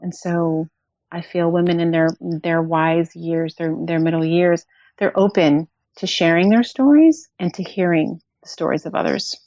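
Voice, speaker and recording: A woman in her forties, a podcast guest, talking in a thoughtful, soft-spoken and personal way. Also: lowish voice, unhurried, dry recording. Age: 40s. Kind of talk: reflective conversational storytelling. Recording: dull dry lo-fi audio.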